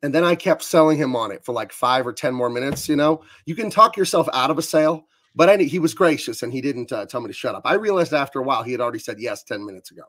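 A man's voice: medium pitch, animated, quick pace, few pauses, a bit bright, dry recording. A man who is a comic book artist, chatting as a guest in a verbose, rambling way. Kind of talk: casual chat.

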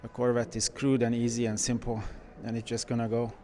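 A man who runs a car shop, walking through a car museum and giving casual, enthusiastic commentary with frequent pauses. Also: medium pitch, completely flat delivery, crowd noise. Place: indoor car museum halls.

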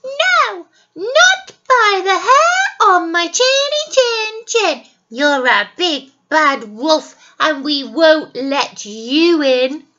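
Woman doing a frightened little pig, shrill cries, bright tone. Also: very animated, very slow, heavily acted. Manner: squealing high cries. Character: small frightened young male pig. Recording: dull lo-fi recording.

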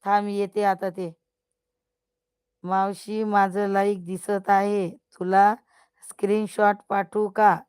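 An older woman chats slowly on a live stream, teasing and scolding her viewers. Her voice is smooth and clear, set at an ordinary middle pitch. The sound is close and dry. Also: flat delivery, darkish tone, no room sound. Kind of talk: casual live-stream chat.

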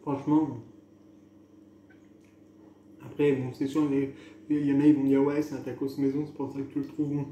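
A man's voice: mid-range voice, little pitch movement, normal speed, pauses often, mellow, echoey room, highs cut off, a little hiss or hum. Man chatting through a mouthful of food. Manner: chatty, loose and rambling. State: chewing food. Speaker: food vlogger. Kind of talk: casual home tasting vlog.

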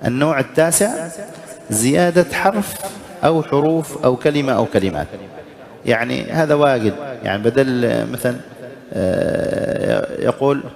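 A sheikh gives a recitation lesson in a gravelly, creaky voice at a middling pitch. He explains each mistake, chants the correct examples slowly and checks his listeners with quick questions. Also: animated, a little mellow. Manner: quizzes the listeners with short questions. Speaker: sheikh teaching Quran recitation. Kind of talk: religious lesson.

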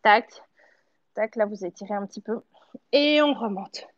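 A woman's voice: medium pitch, normal speed, highs cut off. A woman in her thirties leading a home workout as a fitness coach, giving short encouraging cues and counting repetitions while she exercises. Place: living-room home studio, indoors.

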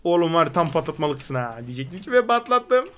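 A man's voice: a little high, big pitch swings, a little fast, fairly bright tone, clean tone, faint music behind. A young man giving rowdy, joking gameplay commentary, scolding the game characters in a put-on comic street manner. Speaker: gaming YouTuber.

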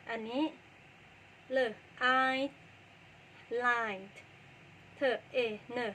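Slow, patient woman teaching phonics. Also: on the high side, steady tone, bright, forceful tone, slight background noise, poor audio. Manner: slow, patient, spells words out sound by sound. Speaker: English teacher. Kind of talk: phonics lesson for Thai learners.

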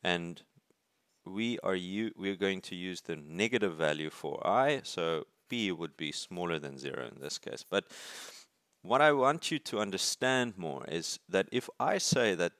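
A man with a very low voice teaches a circuits lesson as he draws on paper. He thinks out loud, stumbles and restarts words, and often checks in with "right?". The sound is dry, with no room echo. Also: lively intonation, a little slow. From South Africa. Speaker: university lecturer. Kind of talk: explaining while drawing circuits. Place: at a desk, filming paper from above.

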